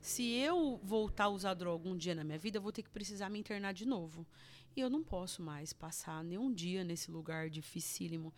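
Brazilian woman guest, heartfelt testimony, mid-pitched, emotional, restarts often. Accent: Brazilian Portuguese. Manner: earnest and emotional, with many restarts. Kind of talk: personal testimony in casual chat.

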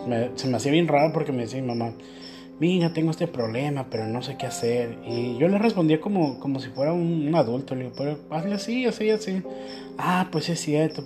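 A young adult man with a Mexican Spanish accent, talking candidly and emotionally in a casual chat, with music underneath. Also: medium pitch. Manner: candid, emotional storytelling with slang. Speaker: co-host.

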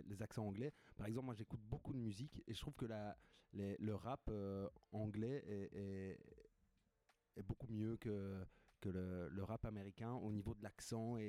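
Low, dark-voiced guy. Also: no room sound. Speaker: student in a class discussion. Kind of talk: casual discussion.

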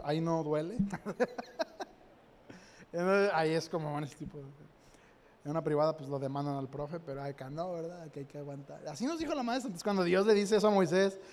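A young man with a Mexican accent delivers a sermon in a chatty, storytelling way, playfully acting out the voices in his stories. His voice sits high for a man. It carries a long reverb from the hall he preaches in. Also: darkish tone. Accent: Mexican Spanish. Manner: conversational storytelling with humor and acted quotes.

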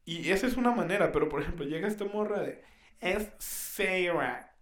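A man's voice: sits high, animated, racing, echoey room. A young Mexican man co-hosting a podcast in casual, slangy chat, often mimicking other people's voices. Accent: Mexican Spanish. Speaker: podcast co-host.

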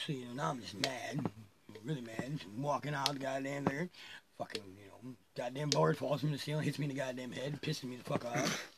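A man's voice: medium pitch, brisk, over a noisy crowd. Rambling, profane man telling a story. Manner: rambling, profane, laughs often.

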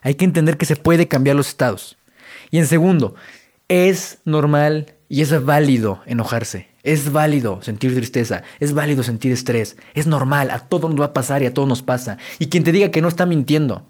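A Mexican Spanish man delivers a motivational self-help monologue, speaking in a fairly high voice. He talks straight to the listener in a casual, direct way. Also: moderate pace, darkish tone. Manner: direct, conversational, addresses listener as tú. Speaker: self-help podcast host.

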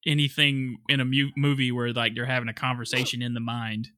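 Male co-host, bright tone, knowing and wry, casual trivia chat, dry mic. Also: medium pitch, flat delivery, a little fast, no room sound. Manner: knowledgeable, wry, adds trivia. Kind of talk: casual movie review chat.

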